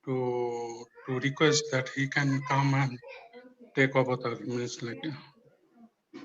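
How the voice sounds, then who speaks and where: A man asking a halting question full of fillers over an online call, his audio cutting out so the volume keeps rising and dropping. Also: mid-range voice, level tone, a bit bright, lo-fi sound. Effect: uneven volume, audio cutting out. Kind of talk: hesitant spoken question. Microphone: online video call.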